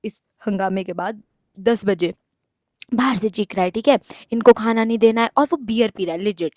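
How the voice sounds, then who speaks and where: A woman's voice: mid-range voice, no room sound, studio quality. Chatty young woman telling a story. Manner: animated, mixes English and Hindi, swears. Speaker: vlogger. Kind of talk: casual storytime.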